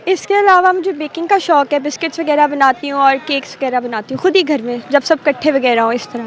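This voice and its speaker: A high, girlish voice on an eighteen-year-old woman from Pakistan, talking freely and a little teasingly. She answers a street interviewer's questions outdoors in easy, casual chat. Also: quick pace, a little hiss or hum. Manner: chatty, answers at length with light teasing. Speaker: interviewee, pre-medical student.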